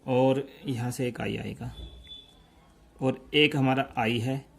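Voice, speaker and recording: A man giving a step-by-step lesson, explaining slowly and checking in often with his listeners. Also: medium pitch, steady tone, creaky. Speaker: teacher. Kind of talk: step-by-step lecture.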